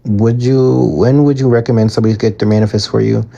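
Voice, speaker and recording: A man talks casually on a live stream, his low voice gravelly with fry. He reads viewer comments aloud and answers them in a loose, filler-heavy way, with a husky edge in his tone, speaking into a phone. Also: steady tone, fast, mellow, highs cut off. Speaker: manifestation coach answering viewer questions.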